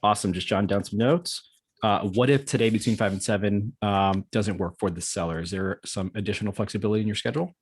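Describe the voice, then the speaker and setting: In a practice real estate sales call, a man with a low, rough, husky voice talks quickly. He's polite and agreeable, repeats details back, and now and then stammers, getting hung up on words in this role-played phone call.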